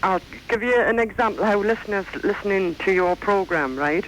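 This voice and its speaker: A woman's voice: mid-range voice, moderate pace, slight background noise, rough recording. A woman of about fifty, calling a radio phone-in and telling her story in a rambling, hesitant way full of fillers. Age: around 50. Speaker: radio caller.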